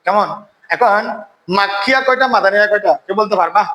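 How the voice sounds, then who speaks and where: A male recitation teacher with a high, bright voice, quizzing his class question after question. He keeps checking whether the students have understood. The sound is roomy and echoing. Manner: chants verses slowly when demonstrating recitation. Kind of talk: classroom tajweed lesson.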